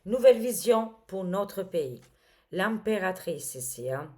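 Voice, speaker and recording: A woman's voice: medium pitch, expressive, a little slow, darkish tone. A woman reading tarot cards for her viewers in a casual, hesitant way, her talk full of fillers and friendly asides to the audience. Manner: hesitant, filled with frequent euh and hein, addresses viewers as les amis. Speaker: tarot reader.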